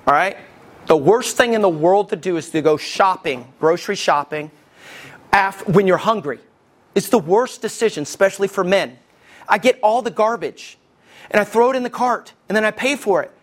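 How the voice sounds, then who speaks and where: A man, preaching a sermon as lead pastor from Alabama with folksy, animated storytelling. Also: high-pitched, moderate pace.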